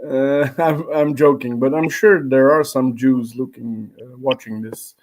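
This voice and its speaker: A man with a Slovenian accent, a native Slovene speaker, hosting a live-streamed interview over a video call. He speaks haltingly, with frequent pauses and fillers. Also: medium pitch, steady tone, darkish tone. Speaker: podcast host.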